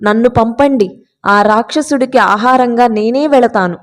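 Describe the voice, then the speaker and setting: A woman's voice: fairly high pitch, unhurried, lightly acted. A woman voicing a devoted Brahmin wife pleading tearfully in a read-aloud story.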